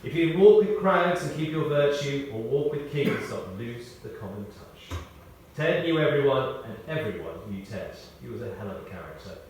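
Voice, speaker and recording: Far from the mic in a cavernous, echo-filled space, a British man of medium pitch gives a eulogy from a script, weaving in funny memories. His storytelling is measured, with expressive pitch movement, pauses, and weight placed on key words. Faint background noise is present.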